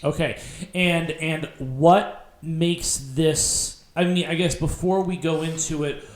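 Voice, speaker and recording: A man's voice: on the high side, steady tone, slow. A man hosting a casual chat, asking probing questions and summing up the answers to set the context. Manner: inquisitive, repeats and summarizes to set context. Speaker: podcast host asking questions. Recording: roomy, echoey sound.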